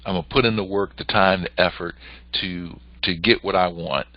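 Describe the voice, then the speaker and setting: A man hosting a casual motivational talk, coaching would-be entrepreneurs and raising his pitch when he quotes other people. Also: normal speed, no room sound, muffled recording. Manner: animated, rises in pitch when quoting others.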